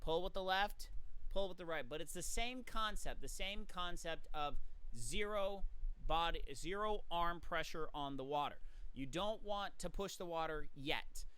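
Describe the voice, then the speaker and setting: A man's voice: fairly high pitch, a little slow, pushed and bright, clear, resonant tone. A man giving casual swim coaching instructions, chatty and direct, counting out kicks aloud as he explains drills.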